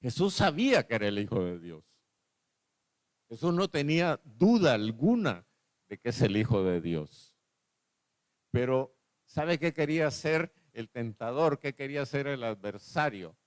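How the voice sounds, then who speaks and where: Pastor preaching, dry close sound. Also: male voice, mid-range voice, big pitch swings, dry recording. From El Salvador. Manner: asks the congregation questions, repeats key phrases; slows down and drops his voice on key words. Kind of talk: sermon.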